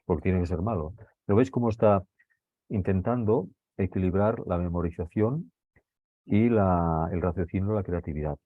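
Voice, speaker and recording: Man, teacher, explaining a text in class, low voice, dull dry recording, keeps asking if students follow. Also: moderate pace, no room sound. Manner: checks understanding with frequent tag questions.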